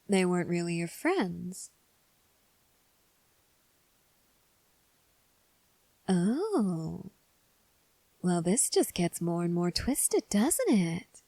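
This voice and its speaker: A woman playing a cynical, taunting gang member in an ASMR role-play, speaking in a sardonic, teasing, unhurried way. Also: fairly low pitch, very animated, warm tone, no room sound, full character voice. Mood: dry, probing.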